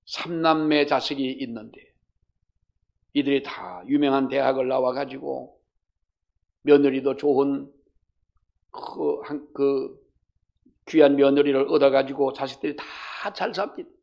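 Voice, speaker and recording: A male pastor with a gravelly voice, preaching a fervent sermon that swings between loud exhortation and hushed storytelling. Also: mid-range voice, fairly even intonation, unhurried, pauses often.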